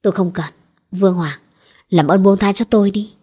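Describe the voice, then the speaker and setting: A woman's voice: medium pitch, moderate pace, warm tone, breathy edge, natural voice. A woman reading the lines of a defiant, desperate young wife in a storybook. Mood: pleading. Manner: angry, pleading.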